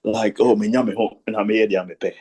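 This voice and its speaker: Mellow Ghanaian man in Rasta-style reasoning. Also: fairly low pitch, steady tone, brisk, husky. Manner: Rastafari reasoning talk in Pidgin-flavoured English mixed with Twi. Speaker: participant in an online Rastafari discussion. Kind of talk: casual chat.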